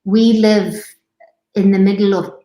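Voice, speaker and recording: A woman's voice: mid-range voice, steady tone, measured pace, dark tone. A woman from the Hebrides with a Hebridean Scottish accent, chatting as a musician guest in a casual interview. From Hebrides, Scotland. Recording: roomy, echoing sound.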